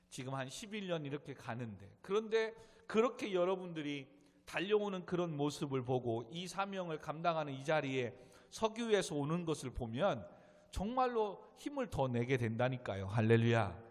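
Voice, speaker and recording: A middle-aged man preaching from the pulpit with a notably high voice. He presses his points hard and often climbs to loud, urgent exhortation. His words ring out with a long reverb through a church sanctuary. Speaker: pastor. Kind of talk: sermon.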